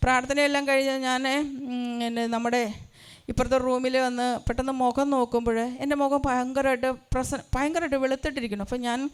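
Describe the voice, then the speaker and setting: A woman's voice: high voice, clear, resonant tone. A religious sister giving an earnest testimony in a church hall, asking her listeners rhetorical questions. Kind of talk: sermon testimony.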